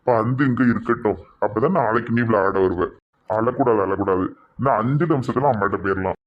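A man's voice: on the low side, fairly quick, lightly acted. A man voicing a matter-of-fact older grandfather. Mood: gentle. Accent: Tirunelveli Tamil. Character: calm older father-in-law, grandfather. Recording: dull lo-fi recording.

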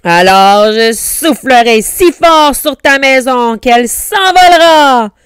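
A woman voicing the big bad wolf, a hungry, hot-tempered male wolf who shouts his threats. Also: high-pitched, expressive, takes it slowly, clear, resonant tone, no room sound, voice pushed up. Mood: furious. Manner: loud and shouting.

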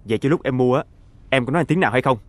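An actor as a cool, aloof young husband. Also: male voice, medium pitch, rapid-fire, no room sound, natural voice. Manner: calm, flat and aloof.

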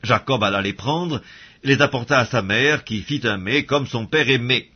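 A man narrating an audio Bible reading in a steady, measured way. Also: mid-range voice, husky. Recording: dull lo-fi audio.

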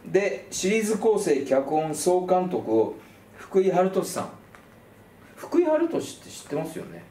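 A man hosting casual film talk, animated and jokey, whose own everyday speech is Kansai dialect. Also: measured pace, reverberant, a little hiss or hum. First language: Kansai dialect speaker. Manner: animated, jokey, lively pitch swings. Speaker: film commentary host.

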